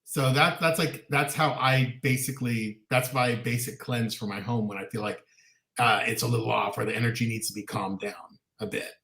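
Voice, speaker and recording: Man, co-host, casual earnest rambler, mid pitch, roomy echoey sound. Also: fairly even intonation, normal speed, creaky, a bit bright. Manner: rambling, earnest, many restarts and ums. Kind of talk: casual chat. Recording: roomy echo.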